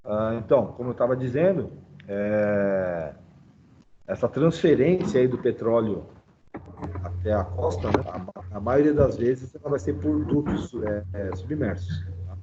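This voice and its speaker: A man's voice: mid-range voice, animated, unhurried, lo-fi sound, noisy background. A male teacher, giving an online class, his call audio breaking up and glitching, explaining with many fillers and tag questions. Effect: choppy, breaking-up call audio. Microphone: video call.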